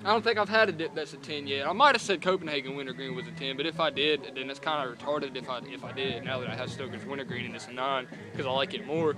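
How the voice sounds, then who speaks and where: A man's voice: mid-range voice, fast, few pauses, a crowd in the background, rough recording. A young man with a Southern US accent talks with a lip full of dip, giving a casual, rambling, profane review outdoors. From North Carolina, USA. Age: young adult. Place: outdoors in a rural yard by parked vehicles. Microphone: camera set on a car, about a meter away.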